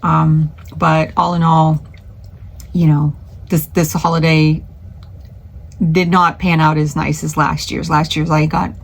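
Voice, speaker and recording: A woman's voice: deep voice, little pitch movement, slow, creaky, pauses often. A middle-aged woman running a small craft business, chatting casually in a vlog from her home studio, rambling with lots of fillers and restarts.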